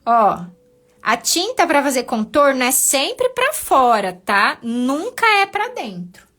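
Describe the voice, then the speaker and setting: A woman's voice: high-pitched, very animated, slow, a bit bright. A woman teaching a live painting class, patient and encouraging, walking her students through each step.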